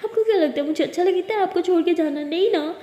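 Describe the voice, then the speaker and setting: A woman's voice: sits high, brisk, warm tone. A woman voicing a young female college lover, pleading and emotional. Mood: upset. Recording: echoey room with long reverb.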